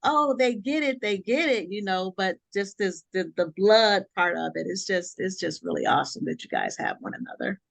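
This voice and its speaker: A woman's voice: mid-range voice, sing-song, moderate pace, creaky, few pauses, no room sound. A woman hosting a casual webinar interview, supportive and chatty with many fillers and restarts, on a video call. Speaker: webinar host, sorority member.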